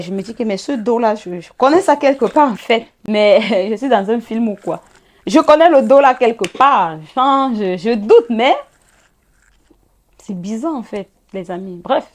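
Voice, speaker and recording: A woman chats her way through a personal story. Her voice sits at an ordinary middle pitch. She talks in a lively, animated way, breaks into laughs and turns to speak straight to her viewers. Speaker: vlogger. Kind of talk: casual storytime chat.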